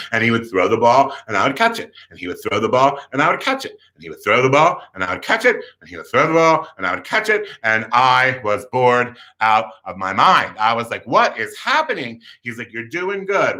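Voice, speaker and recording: A man telling a comic story in a camp, animated way, acting out the voices in it with sudden shrieks, recorded at home on camera. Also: mid-range voice. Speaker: comedian. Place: at home, indoors. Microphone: camera in front.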